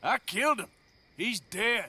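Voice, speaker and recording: An actor playing a blunt, sardonic American gunslinger of the Old West in a video game. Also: male voice, high voice, lively intonation, a little slow, sharp tone, a little hiss or hum, exaggerated voice. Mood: blunt, firm. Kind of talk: video game character acting.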